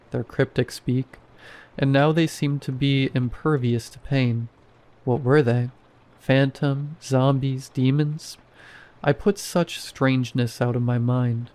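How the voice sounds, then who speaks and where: A man reads scripted horror fiction in a steady, unhurried way. His voice sits at an ordinary middle pitch. The telling stays even and measured throughout. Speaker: horror story narrator.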